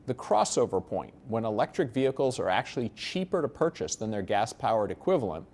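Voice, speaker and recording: A man's voice: mid-range voice, a little mellow. An American man delivering a scripted, persuasive sales narration as a presenter, explaining things in an emphatic, assured way. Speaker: presenter of an investment promotion.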